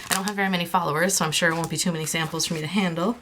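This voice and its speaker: Low-voiced woman gushing over crafts. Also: fairly even intonation, very fast, a little hiss or hum. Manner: gushing, chatty, lots of fillers and soft whispered asides. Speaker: crafting vlogger. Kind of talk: casual vlog chat.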